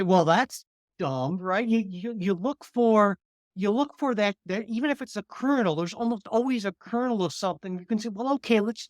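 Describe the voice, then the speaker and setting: A man's voice: sits high, no echo, clean studio sound. Earnest male teacher-podcaster. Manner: earnest, reflective, repeats words as he thinks. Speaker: podcast host and political science teacher. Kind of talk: interview answers.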